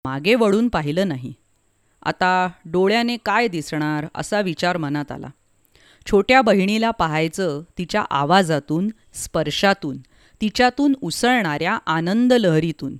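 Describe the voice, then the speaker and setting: A woman narrating a story in a measured, emotive reading. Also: on the low side, animated, clean tone, no echo, studio quality.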